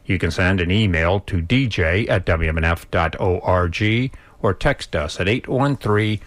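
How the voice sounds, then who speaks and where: A man's voice: sits low, normal speed, dry recording. A man introducing a radio show as its announcer, with folksy, old-time 1920s slang in a scripted style.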